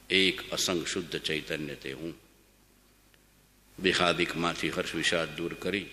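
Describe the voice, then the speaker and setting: A lowish, bright-toned man preaches a devotional sermon. He repeats words in a chanting rhythm and swings from emphatic high lines down to soft, low ones. His voice rings with a long hall reverb. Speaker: spiritual discourse speaker.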